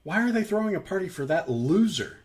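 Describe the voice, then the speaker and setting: A man's voice: high-pitched, sing-song, brisk, pitched above the performer's own voice. A man playing an indignant, resentful older brother. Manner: complaining, self-righteous.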